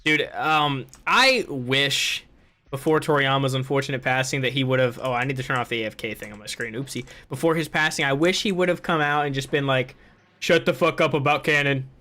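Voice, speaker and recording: A man's voice: medium pitch, brisk, bright, forceful tone. A young man hosting a gaming podcast, ranting in casual chat and swearing freely. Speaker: podcast host.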